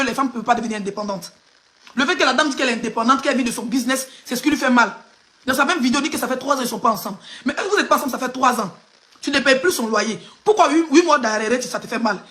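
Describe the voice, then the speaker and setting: A high-pitched, pushed, bright voice comes from an Ivorian woman blogging gossip online. Talking live in Ivorian-accented French, she turns emphatic mockery straight onto the person she criticizes.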